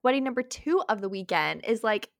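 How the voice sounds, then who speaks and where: A woman's voice: a little high, animated, brisk, vocal fry, no room sound, clean studio sound. A young woman co-hosting a casual podcast, upbeat and enthusiastic, swearing freely. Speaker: podcast co-host.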